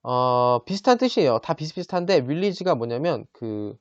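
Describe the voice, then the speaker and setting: Male tutor, mid pitch, chatty, checks in constantly, slightly muffled dry recording. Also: animated, dry recording. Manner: chatty, checks in with listeners often, models pronunciation slowly. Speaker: English tutor. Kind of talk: casual vocabulary lesson.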